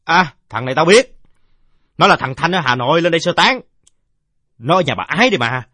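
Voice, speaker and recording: A man voicing a loud, bossy village boy in an audiobook story. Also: on the high side, animated, very fast, no echo, voice pushed up. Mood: commanding.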